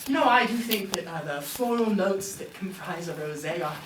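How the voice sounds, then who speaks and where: A woman's voice: lowish voice, animated, moderate pace, lightly acted. A woman playing a pompous male caster who speaks in grand, flowery phrases, in a student comedy improv. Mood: grandiloquent. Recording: roomy, distant and noisy.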